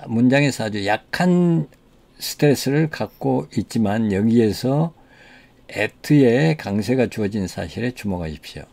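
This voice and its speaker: A man with a Korean accent teaching English, explaining in Korean and reading English sentences slowly with stress. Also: medium pitch, creaky, darkish tone. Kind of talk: language lesson explaining English pronunciation.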